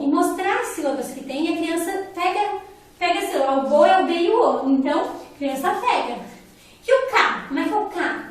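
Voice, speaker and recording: A Brazilian woman teacher with a high, bright voice patiently walks young pupils through a class activity in a remote lesson meant for children and parents. She speaks with a Brazilian Portuguese accent and keeps checking they follow with "né?" and "tá bom?". The audio is heavily echoey, as though the mic sat far away across a bare room.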